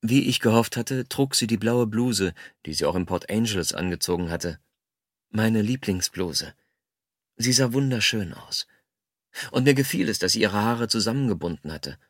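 A man reading a first-person story aloud in a calm, measured, intimate way. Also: on the low side, no echo, clean studio sound. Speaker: audiobook narrator. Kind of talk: scripted first-person narration.

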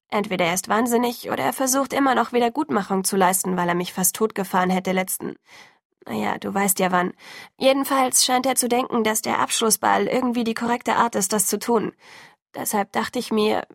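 A woman voicing a teenage girl in an audiobook who rambles on in hurried, wry chatter. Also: medium pitch, fairly bright tone, dry recording, studio quality, lightly acted.

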